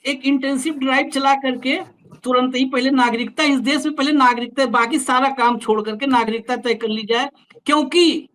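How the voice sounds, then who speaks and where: A man's voice: very high voice, pushed and bright, low-quality recording. A man hosting a political discussion, asking pointed questions and making accusations. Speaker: show host.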